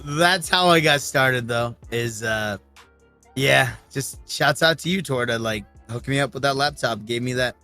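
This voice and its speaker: Male streamer guest, animated and profane, bright voice, soft music bed. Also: mid-range voice, a little slow. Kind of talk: casual podcast chat.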